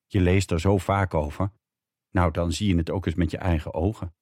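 A man's voice: sits low, steady tone, moderate pace, a little mellow, dry recording, clean studio sound. A man reading a story aloud, voicing a middle-aged provincial husband who talks in a dismissive, matter-of-fact way. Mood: offhand.

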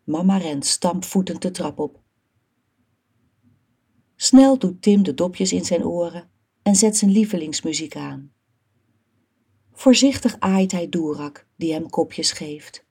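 A woman reads a children's story aloud, slowly and evenly, with a dark, mellow tone. Her voice is very breathy and husky, low for a woman. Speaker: narrator. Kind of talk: reading a children's book aloud.

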